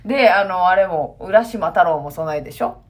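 A woman with a Kansai accent, hosting a casual comedy radio chat and firing off quick, bantering retorts. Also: fairly low pitch, animated. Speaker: comedy duo radio host.

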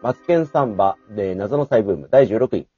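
A man's voice: on the low side, expressive, a little fast, mellow, breathy edge. A man in his twenties co-hosting a casual podcast, chatty and laughing often, reading a news ranking with many fillers. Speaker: podcast co-host. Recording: dull lo-fi online audio with faint music.

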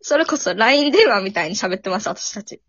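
A woman's voice: mid-range voice, lively intonation, a little fast, a bit bright, no echo, dull audio. A woman in her twenties with a Kansai accent, a university student guest chatting cheerfully. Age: 20s. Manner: cheerful, giggly. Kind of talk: casual chat.

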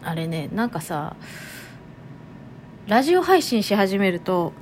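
A woman's voice: medium pitch, big pitch swings, a little slow, darkish tone, a little hiss or hum. A woman with a Toyama accent hosting her own internet radio show, casually musing aloud and amused at herself. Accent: Toyama Japanese. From Toyama, Japan. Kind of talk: casual solo talk.

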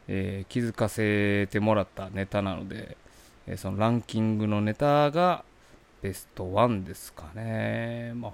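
A man's voice: on the low side, creaky, a little mellow. A man, a comedian, talking through his career in a polite, chatty podcast monologue.

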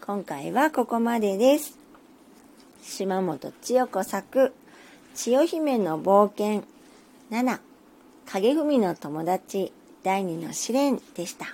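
A woman reading a children's fairy tale aloud in a gentle, soothing bedtime manner. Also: medium pitch, lively intonation, slow. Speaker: storyteller.

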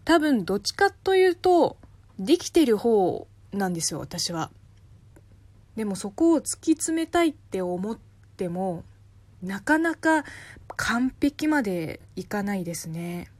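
Host, woman from China, Chinese-accented, casual explainer, animated melody, dry close mic. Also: measured pace, no echo. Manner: chatty, explains with spoken examples, lively pitch swings. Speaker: podcast host answering listener questions. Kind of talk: casual solo radio talk.

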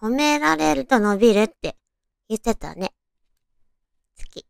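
A woman's voice: on the high side, lively intonation, measured pace, creaky, clear, resonant tone, no echo, studio quality. A woman chatting casually and girlishly as a solo host, reading out romantic material and adding her own reactions. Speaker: solo host of an audio talk show.

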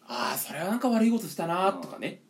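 A young man co-hosting a casual podcast chat, telling an animated story and acting out the quotes. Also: high-pitched, fast talker, creaky. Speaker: podcast co-host.

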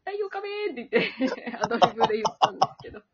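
A woman's voice: a little high, level tone, very fast, over a noisy crowd. A young adult woman hosting a casual chat, laughing often and acting out quoted reactions. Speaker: podcast host. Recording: dull lo-fi audio.

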